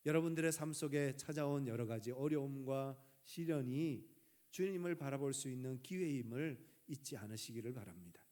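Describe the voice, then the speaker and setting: A middle-aged man, a pastor, preaching a sermon with dramatic pauses and rhetorical questions. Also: mid-range voice, mellow. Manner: acts out prayers and dialogue in a raised voice.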